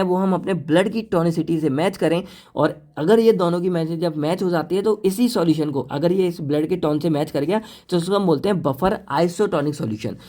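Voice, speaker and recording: High-pitched with a darkish tone, a male lecturer teaches pharmacy in an informal classroom talk. His style is conversational and playful, speaking straight to students and switching between Hindi and English terms.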